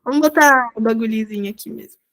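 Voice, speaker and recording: A woman's voice: fairly high pitch, fast, fairly bright tone. A young woman teaching a language lesson over a video call, chatty, checking in with her students every few sentences. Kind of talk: online class explanation.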